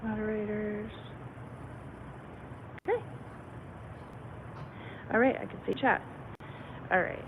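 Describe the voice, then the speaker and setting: Woman streamer, unhurried, audio dropping in and out with uneven volume on a tinny phone-like line with background noise. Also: mid-range voice. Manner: unsure, thinking aloud. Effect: audio cutting in and out, uneven volume. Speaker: livestreamer. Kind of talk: solo livestream narration. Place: outdoors in a car parking lot.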